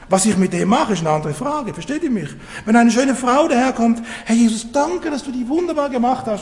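Lively high-voiced preacher in a reverberant hall. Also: male voice. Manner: lively, conversational, asks the congregation questions. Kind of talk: sermon.

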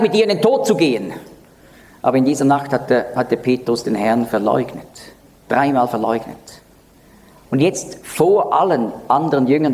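A man at medium pitch delivers Bible teaching in a large hall, and the long reverb trails after his words. He lifts his voice for emphasis and sinks low and quiet when quoting a dialogue. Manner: expressive, lively pitch for emphasis.

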